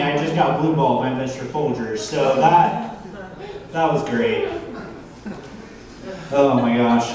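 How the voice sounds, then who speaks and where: A man's voice: fairly high pitch, distant mic. Self-deprecating man doing stand-up in a bar. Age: 30s. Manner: self-deprecating, halting with fillers. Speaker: stand-up comedian. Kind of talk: stand-up set. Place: bar stage. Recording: roomy bar, from afar, faint crowd noise.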